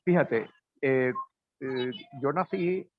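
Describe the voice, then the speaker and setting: A man's voice: medium pitch, extremely slow, dry recording. A man from Portugal raised in Venezuela, telling a personal story in a hesitant conversational way with many fillers. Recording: dry, phone-like band.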